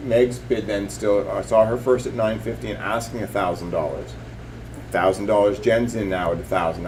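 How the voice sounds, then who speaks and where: A man's voice: lowish voice, a little mellow, a little hiss or hum, rough recording. A man working as a live auctioneer, calling bids and increments in repetitive, clipped patter.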